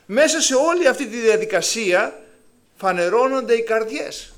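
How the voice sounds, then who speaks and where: With an extremely high pitch, this male preacher animates his sermon for the congregation, performing biblical people's voices through sharp climbs and drops.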